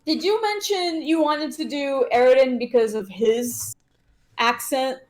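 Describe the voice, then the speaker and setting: A woman's voice: high voice, measured pace. A woman co-hosting a game let's play, giggling often and reading the game's text aloud with expression. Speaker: let's play co-host and reader.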